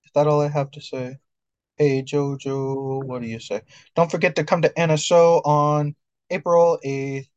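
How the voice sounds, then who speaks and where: Higher-voiced man bantering, lo-fi sound. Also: fairly even intonation, darkish tone, smooth, dry recording. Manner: quick, playful banter. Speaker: podcast co-host. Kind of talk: casual chat. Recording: dull lo-fi audio.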